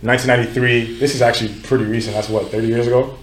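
On a low-quality recording with some hiss or hum and lots of reverb, a Nigerian man in his twenties races through his words in a flat, medium-pitched voice. He's hosting a casual group podcast, talking conversationally, correcting himself often, and saying "you know what I'm saying" again and again.

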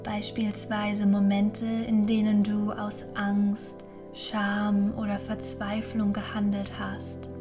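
A woman leading a guided meditation in a soft, breathy near-whisper, soothing and unhurried, gently giving instructions. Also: mid-range voice, completely flat delivery, music in the background. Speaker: podcast host and guided meditation leader.

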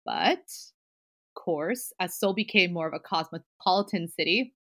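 A woman's voice: on the low side, measured pace, a bit bright. A woman podcast host telling a story in casual chat, chatty and giggly, full of fillers.

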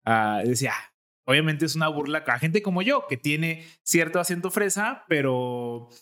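A man, co-hosting a podcast in casual chat and telling stories in a relaxed way. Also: on the high side, normal speed. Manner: relaxed storytelling, quotes himself. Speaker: podcast co-host.

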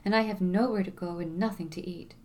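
A woman's voice: on the low side, brisk, mellow, lightly acted. A woman voicing a young mother driven from home, speaking in a pleading, emotional way. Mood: desperate, pleading. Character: desperate one-handed young mother, pleading.

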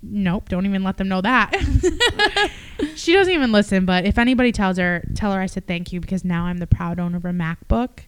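A woman's voice: mid-range voice, brisk, smooth. A woman in her twenties co-hosting a podcast, chatting casually and telling stories with lots of swearing. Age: 20s. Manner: profane, animated storytelling. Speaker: podcast co-host. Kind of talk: casual chat.

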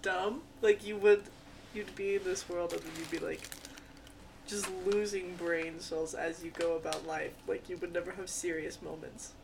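A woman's voice: fairly low pitch, flat delivery, normal speed. A young woman on a casual podcast, arguing in a dismissive way. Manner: dismissive, argumentative. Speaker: podcast guest. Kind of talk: casual chat. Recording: distant mic with clear background noise.

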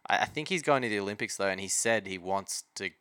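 Sharp, lowish Australian male banter. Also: fast talker, no room sound, studio quality. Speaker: sports podcast co-host. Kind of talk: casual sports banter.

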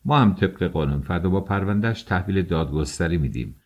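A man's voice: low voice, expressive, darkish tone, highs cut off. A man voicing a stern, impatient gendarmerie captain who speaks in curt commands.

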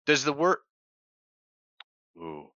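A man playing a tabletop game in character, hesitant with many pauses and restarts. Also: medium pitch, sing-song, bright, forceful tone, no room sound, lo-fi sound. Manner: hesitant, lots of ums and restarts. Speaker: player.

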